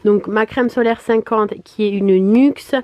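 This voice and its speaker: A woman chatting casually in a vlog, her voice hoarse, congested and duck-like from swollen tonsils, speaking in a chatty, hesitant way. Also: a little high, steady tone, measured pace, darkish tone, no echo. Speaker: vlogger. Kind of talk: casual vlog chat to camera.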